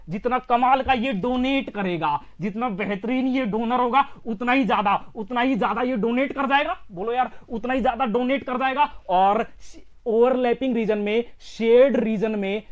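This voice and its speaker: A male chemistry teacher giving an online exam-prep lecture with lots of energy, repeating phrases and prodding his students to answer. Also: high-pitched. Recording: slightly dull lo-fi recording.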